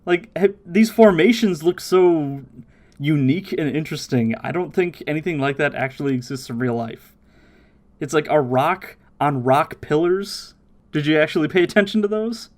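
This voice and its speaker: A man hosting a casual podcast, recapping episodes in an animated way and slipping into impressions of the characters. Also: fairly high pitch, normal speed. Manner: animated, mimics characters' voices while recapping. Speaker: podcast host.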